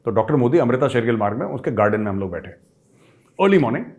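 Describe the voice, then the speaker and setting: A middle-aged man hosting a show, telling a personal story in a lively way and sliding in English phrases. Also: medium pitch, very fast, highs cut off. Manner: lively, acts out quoted people with raised voice, mixes English phrases. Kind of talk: animated storytelling.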